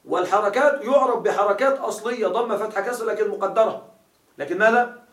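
Man teaching grammar, high voice, quizzing students, distant mic. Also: quick pace, a bit bright. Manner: quizzing students with repeated questions. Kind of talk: classroom grammar lesson. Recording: echoey room, mic far off.

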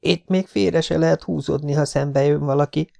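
A man voicing an anxious, curious young female journalist in an audiobook, lifting his voice high and softening it. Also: steady tone, creaky. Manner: raised falsetto-like pitch, softer delivery.

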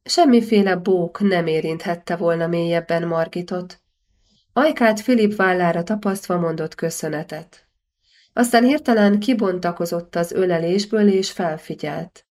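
A woman narrating a historical novel audiobook in a measured, expressive storytelling manner. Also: lowish voice. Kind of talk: scripted narration.

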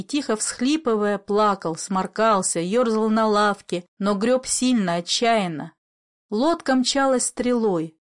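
Woman reading a classic story aloud. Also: medium pitch. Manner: measured, expressive storytelling. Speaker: narrator.

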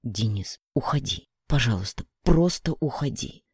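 A man's voice: medium pitch, lively intonation, moderate pace, a little mellow, slightly rough, no room sound, studio quality. A man voicing a desperate young woman who pleads and cries out in tears. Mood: begging. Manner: pleading, tearful, raised voice.

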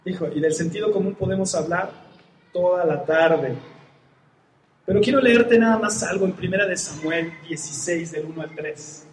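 High-voiced pastor in an echoey hall. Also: male voice, moderate pace. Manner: emphatic, repeats key phrases, questions the listener directly. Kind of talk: sermon. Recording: echoey hall with faint noise.

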